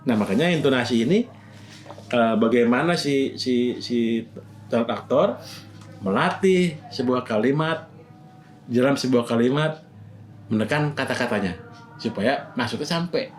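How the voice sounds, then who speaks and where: A man's voice: medium pitch, animated, a little slow, long pauses. A man casually explaining acting methods, often breaking into short acted example lines. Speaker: acting teacher.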